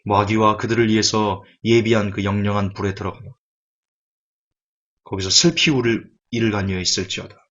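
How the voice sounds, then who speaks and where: A man voicing a stern judging Lord, pronouncing in a low, solemn, quiet tone. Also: fairly even intonation, a little fast, highs cut off.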